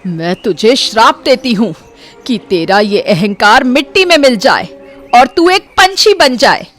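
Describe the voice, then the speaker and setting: A woman voicing a grieving older village mother in an animated story, pleading and emotional, turning to anger when wronged. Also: fairly high pitch, a little slow, faint music behind, voice pushed up. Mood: grieving, defiant.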